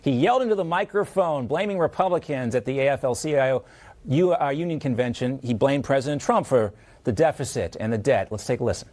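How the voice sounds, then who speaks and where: Fast-talking male news anchor. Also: medium pitch, darkish tone. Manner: brisk, chatty, moves segments along. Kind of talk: TV news interview hosting.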